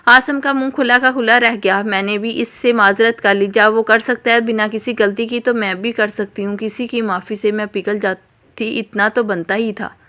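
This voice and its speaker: Bright clear woman narrating a story. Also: a little high, normal speed. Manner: emotional, expressive reading. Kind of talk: storybook narration, first person.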